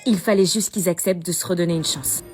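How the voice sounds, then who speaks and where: A woman's voice: fairly low pitch, fast talker, darkish tone, faint music behind. A young woman narrating her story in voice-over, with a wry, sarcastic inner-monologue manner.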